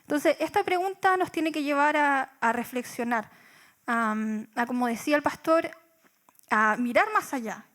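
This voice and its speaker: High-voiced Chilean woman preaching. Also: moderate pace, fairly bright tone. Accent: Chilean Spanish. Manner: reflective, with rhetorical questions and many fillers. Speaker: church speaker. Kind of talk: sermon.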